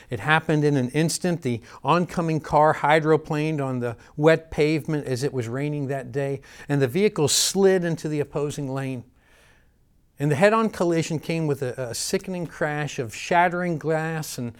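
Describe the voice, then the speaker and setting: Male preacher, earnest sermon delivery, builds emphasis through repetition. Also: a little high.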